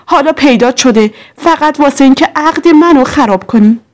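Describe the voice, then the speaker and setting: A woman reading the lines of a hurt young mother who speaks softly and pleadingly in a storybook. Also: high voice, voice pushed up, lightly acted. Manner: pleading, soft.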